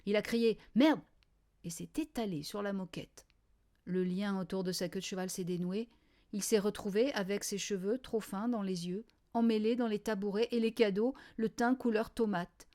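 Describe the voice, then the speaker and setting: A woman narrating a children's novel in the first person, in a quiet, wry diary style. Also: medium pitch, fairly even intonation, moderate pace. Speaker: audiobook reader.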